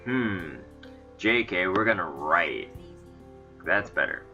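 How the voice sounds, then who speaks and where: A let's play host with a stuffy, congested nose rambles chattily through casual commentary on the game he's playing, using many fillers. His deep voice is animated and slow, with a sharp tone, while the highs are cut off and soft music plays in the background.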